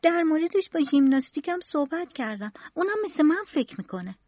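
A woman's voice: high-pitched, very animated, darkish tone, no echo, pitched above the performer's own voice. A woman voicing a thoughtful, earnest young boy who asks curious questions. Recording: dull lo-fi recording.

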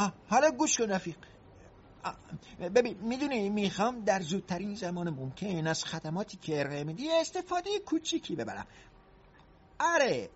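A man voicing a jittery, hapless would-be burglar who snaps and shouts in a dubbed comedy. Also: high voice, muffled recording, a little hiss or hum.

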